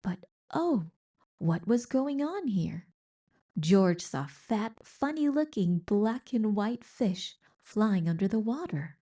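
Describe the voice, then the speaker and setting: Here a woman narrates a children's picture book in a mid-range voice, with deliberate pacing and plenty of expression.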